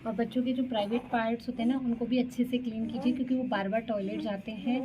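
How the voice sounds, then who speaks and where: A woman's voice: on the high side, fairly even intonation, fast, a crowd in the background. A woman and mother giving a chatty, instructive how-to while bathing a baby at home, talking to viewers as friends. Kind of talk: casual how-to demonstration. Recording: loud background noise and baby crying. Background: a crying baby.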